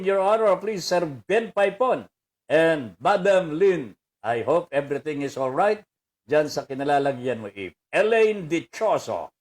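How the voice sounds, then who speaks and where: A man's voice: high-pitched, a little mellow. An older man with a Filipino accent, hosting a commentary show, reading viewer greetings aloud in a chatty way and laughing often. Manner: chatty, laughs often, mixes in English phrases. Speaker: radio commentator host reading viewer messages. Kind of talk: casual on-air commentary.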